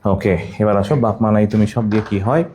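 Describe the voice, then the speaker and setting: This Bangladeshi teacher's voice is on the low side and mellow, his delivery brisk, with a little hiss or hum in the recording. Running a general knowledge class, he drills every item repeatedly, quizzes students, and has them note down memory tricks.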